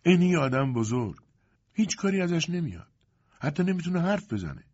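A man voicing a gentle young peasant mother, her voice soft and trembling, in an audiobook. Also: low voice, lively intonation, husky, lo-fi sound, heavily acted. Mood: tearful wonder.

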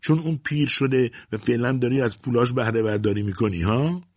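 A man's voice: mid-range voice, a little mellow, dry recording, pitched above the performer's own voice, natural voice. A man voicing a defiant, outspoken young woman who argues with her mother in a storybook reading. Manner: pleading, defiant. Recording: dull dry lo-fi audiobook recording.

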